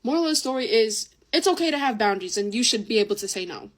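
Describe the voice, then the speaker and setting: Young woman ranting thru a storytime, kinda high voice, swears a ton. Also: animated, fast talker. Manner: casual, swears a lot, lots of "like". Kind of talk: get-ready-with-me storytime.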